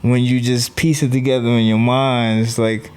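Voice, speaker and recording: A man guesting on a podcast as a comedian, telling stories in a relaxed way with lots of "like" fillers. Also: medium pitch, normal speed, smooth. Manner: easygoing storyteller, lots of "like" fillers. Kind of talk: casual podcast chat.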